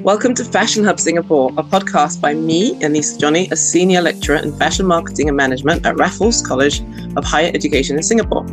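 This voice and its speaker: A woman's voice: low voice, fast talker, music in the background. A woman hosting a podcast interview, introducing her guest and asking questions with friendly, enthusiastic reactions. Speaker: podcast host and lecturer.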